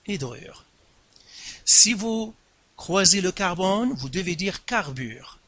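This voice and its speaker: A man teaching a science lesson, speaking slowly and deliberately, repeating and stressing each term with jumps in pitch. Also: lively intonation, pushed and bright, no echo. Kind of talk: classroom lesson explaining at a board.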